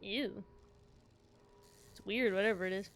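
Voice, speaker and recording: A woman's voice: medium pitch, fairly even intonation, a little slow. A woman giving casual, chatty commentary while streaming a game, with a playful way of talking.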